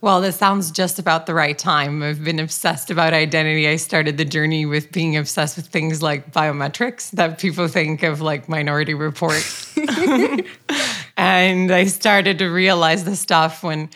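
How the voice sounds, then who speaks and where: A woman's voice: sits low, measured pace, fairly bright tone. A woman from Brazil, chatting enthusiastically as a podcast co-host. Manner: enthusiastic, chatty, fillers like "you know". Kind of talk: casual podcast chat.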